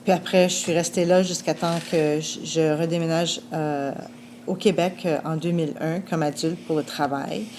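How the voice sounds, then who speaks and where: A woman's voice: low voice, fairly even intonation, moderate pace, darkish tone, a little hiss or hum. A woman giving a heartfelt, plainspoken personal testimony.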